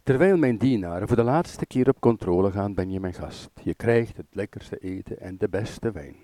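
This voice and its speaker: Man doing a sly, soft-spoken king. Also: fairly low pitch, animated, normal speed, no echo, lightly acted. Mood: scheming. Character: scheming male island king, calm, deceitful.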